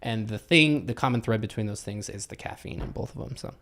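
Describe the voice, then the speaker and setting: A man's voice: lowish voice, brisk, fairly bright tone. A man co-hosting a casual podcast, telling a rambling story and swearing casually. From Utah. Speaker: podcast co-host. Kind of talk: casual chat.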